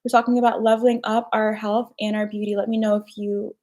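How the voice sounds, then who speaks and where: A woman's voice: medium pitch, little pitch movement, a little fast, a little mellow. A young woman hosting a casual live stream, chatty and slangy, peppering her talk with "like" and "right?". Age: young adult. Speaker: personal development host.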